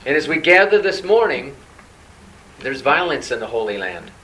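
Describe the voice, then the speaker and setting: A man's voice: medium pitch, big pitch swings, normal speed, bright, forceful tone, far from the mic, rough recording. A male pastor preaching a sermon in a conversational way, often turning to rhetorical questions.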